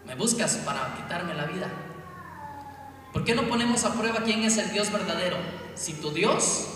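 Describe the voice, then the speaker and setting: Defiant prophet, voiced by a preacher, commanding and declamatory, roomy echo from afar. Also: male voice, high-pitched, animated, normal speed, fairly bright tone, a little hiss or hum. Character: bold older male prophet, defiant. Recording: echoey hall, distant mic.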